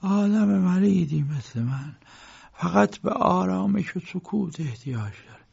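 A man's voice: sits high, expressive, gravelly, husky, voice pushed up, full character voice. Man doing a frail old sickly lawyer. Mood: weary. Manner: slow, weak, soft-spoken. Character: frail old bedridden lawyer, sly and smooth. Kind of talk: audiobook character voice. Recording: dull lo-fi recording.

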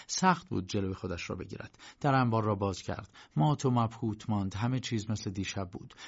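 A man narrates an audiobook at a steady pace in a gravelly voice of middling pitch. The recording sounds slightly dull and lo-fi. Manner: steady storytelling. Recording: muffled lo-fi recording.

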